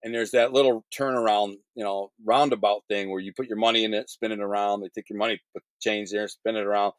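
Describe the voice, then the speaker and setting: A man's voice: lowish voice, quick pace, no room sound. A middle-aged man, a guest telling his life story in casual, slangy talk, acting out the other people in it. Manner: animated, acts out other people's lines in the story; blunt street slang with censored swearing.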